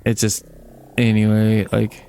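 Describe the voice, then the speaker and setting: A man's voice: on the low side, monotone, unhurried, dark tone, slight background noise. A man rambling casually while playing a game, swearing freely and making fun of himself. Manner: rambling, swears a lot, self-deprecating. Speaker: let's play gamer.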